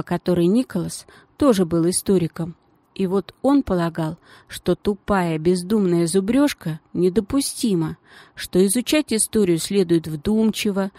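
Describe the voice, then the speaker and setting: Женщина с выразительной живой манерой читает вслух детскую повесть. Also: female voice, fairly low pitch, dark tone, no room sound. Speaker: audiobook reader. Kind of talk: storybook narration.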